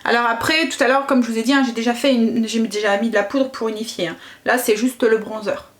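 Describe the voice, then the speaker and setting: A woman's voice: a little high, steady tone, fast. A woman vlogger and mother, chatting casually through a makeup tutorial, narrating each step with little interjections and often correcting herself mid-sentence. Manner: self-correcting, trails off and restarts often.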